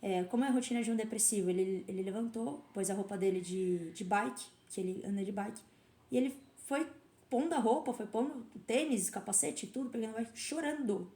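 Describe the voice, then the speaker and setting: A woman's voice: mid-range voice, a little fast, dark tone. A woman guest on a podcast, telling her story in a reflective, conversational way. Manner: reflective, storytelling with quoted self-talk. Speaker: podcast guest, karate teacher. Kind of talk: casual interview conversation. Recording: roomy echo.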